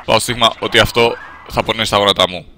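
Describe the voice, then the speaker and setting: A man from Greece giving jokey, sarcastic running commentary as he plays a game, jumping to high squeals when startled. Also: fairly even intonation, bright, forceful tone, slight background noise. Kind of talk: comedic gameplay commentary in character.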